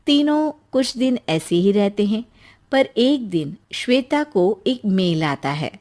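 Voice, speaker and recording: Woman narrating a cartoon story slowly. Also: medium pitch, animated, darkish tone.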